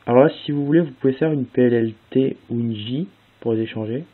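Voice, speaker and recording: A man's voice: mid-range voice, quick pace, breathy edge. A young man casually explaining a puzzle-solving method step by step, with fillers along the way. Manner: casual, spells out move sequences step by step with fillers. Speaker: speedcubing tutorial host. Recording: tinny lo-fi phone-like audio with faint hiss.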